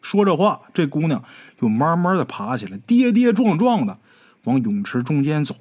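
A man tells a ghost story with dramatic, animated delivery. His voice sits a little high for a man and swings widely in pitch, with a husky grain throughout. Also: normal speed.

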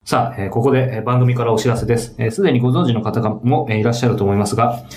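A man's voice: medium pitch, very fast, darkish tone. A man hosting a podcast, speaking politely in a casual interview and announcement style. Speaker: podcast host.

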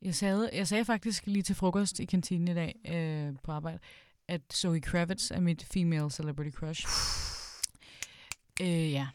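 Woman podcast guest, lowish voice, dry sound, halting chat. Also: darkish tone, clear, resonant tone, no echo. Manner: hesitant, many fillers. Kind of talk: casual chat.

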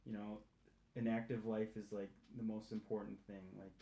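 A young man co-hosting a podcast, rambling in casual chat and filling every pause with "like". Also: fairly low pitch, level tone, creaky, mellow. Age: young adult. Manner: rambling, says like a lot. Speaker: podcast co-host. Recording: echoey room.

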